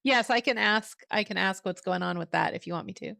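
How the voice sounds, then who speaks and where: A woman's voice: mid-range voice, a little fast, vocal fry, bright, forceful tone, no room sound, clean studio sound. A woman hosting a livestream in a chatty way, laughing often, heard through a headset mic. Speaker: livestream host. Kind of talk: casual livestream chat.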